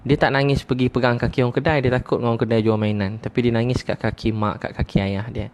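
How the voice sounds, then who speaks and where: Man preaching with gentle repetition. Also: mid-range voice, flat delivery, fast. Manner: repetitive, gently emphatic teaching with frequent "ha". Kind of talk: sermon.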